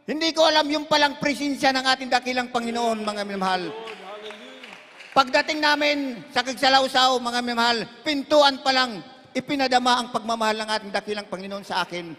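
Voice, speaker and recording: A man's voice: extremely high pitch, fairly quick, sharp tone, long reverb tail, slight background noise. A man giving an emotional healing testimony to a congregation, who keeps calling his listeners beloved and breaks into hallelujahs. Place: crusade gathering in a large hall.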